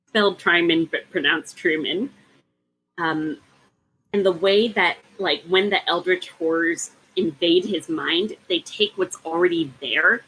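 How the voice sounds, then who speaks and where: Woman with a lowish voice, rambly but sharp, lots of ums, talking books with friends, faint hiss behind. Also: low-quality recording. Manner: analytical, argues at length with many ums. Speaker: podcast co-host. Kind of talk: casual book discussion.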